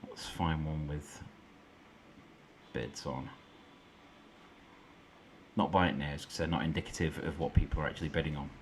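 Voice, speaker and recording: A man hosting a late-night stream, chatting casually and amused as he browses, sometimes dropping quiet and offhand. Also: extremely low pitch, fairly even intonation, moderate pace, pauses often, a little hiss or hum. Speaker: host. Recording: faint background music. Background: faint background music.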